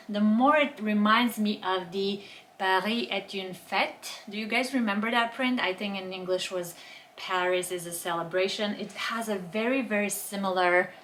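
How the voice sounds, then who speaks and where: Bright-voiced woman chatting fashion. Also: medium pitch, a little hiss or hum. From Bulgaria. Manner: chatty, enthusiastic product descriptions. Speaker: fashion vlogger. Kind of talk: casual haul and try-on talk.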